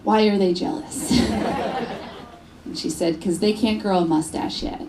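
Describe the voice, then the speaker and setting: A woman's voice: medium pitch, steady tone, measured pace. A woman in her thirties performing a stand-up comedy set on a club stage, telling bawdy, self-mocking stories into a handheld mic and acting out voices. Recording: live club recording with crowd noise. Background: audience laughter.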